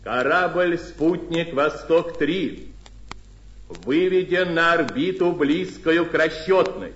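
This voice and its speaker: A man reading a formal Soviet radio news announcement as a state announcer, in a solemn, stately, measured proclamation. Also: fairly high pitch, fairly bright tone, a little hiss or hum. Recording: dull, echoey archival radio broadcast.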